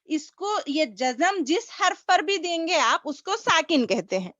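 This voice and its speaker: Woman, high voice, patient online teacher, repeats sounds, dull call audio. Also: big pitch swings, fairly bright tone, no room sound. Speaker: Quran recitation teacher. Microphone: video call.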